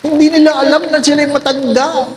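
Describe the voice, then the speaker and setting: Older priest guy preaching, really high-pitched, keeps teasing and quizzing folks, slight background hum. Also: flat delivery, fairly quick. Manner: humorous, conversational, quizzes the congregation. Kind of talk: homily.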